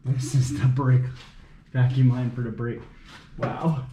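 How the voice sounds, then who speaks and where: The man's voice is medium in pitch, steady and warm, and he speaks slowly. He's a home mechanic video host thinking aloud as he works on a car, talking casually to himself with noise in the background, all in one continuous recording.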